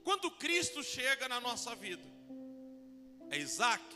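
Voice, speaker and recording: A man in his forties, a pastor preaching a sermon, halting with fillers and restarts and acting out quoted lines. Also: very high voice, big pitch swings, long reverb tail, over music. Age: 40s.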